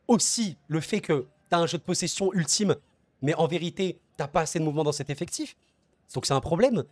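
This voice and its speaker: Male football channel host, passionate solo debrief, addresses viewers as friends, slightly high pitch. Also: a little mellow, no echo. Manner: repeats words and restarts phrases while thinking aloud.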